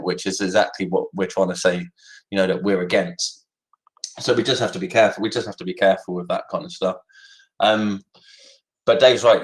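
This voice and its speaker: A man in a casual voice chat Q&A, talking in a halting way with many restarts and repeated words. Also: sits low, rough recording. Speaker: community team member on a crypto project voice chat.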